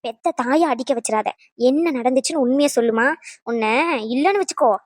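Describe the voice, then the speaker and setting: A woman's voice: high voice, fairly quick, a little mellow, no echo, studio quality. A woman voicing a bossy young granddaughter in a cartoon who scolds and threatens her grandmother. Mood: scolding. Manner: scolding, demanding.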